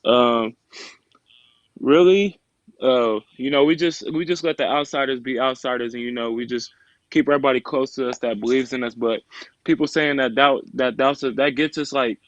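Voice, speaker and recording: A man's voice: medium pitch, fairly even intonation, normal speed, dry recording. A young man, a basketball player, giving casual interview answers over lo-fi audio. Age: young adult.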